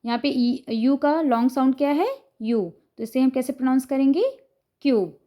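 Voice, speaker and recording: High-voiced Indian woman teaching phonics. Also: moderate pace, dark tone. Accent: Indian English. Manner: patient, repeats "ठीक है" to check understanding. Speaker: teacher and channel host. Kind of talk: explaining phonics lesson to parents.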